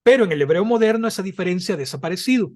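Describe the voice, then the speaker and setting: A man teaching a Hebrew language class, explaining patiently and often pausing with "eh" or checking in with "¿verdad?". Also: sits high, expressive, slight background noise. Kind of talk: online class lecture.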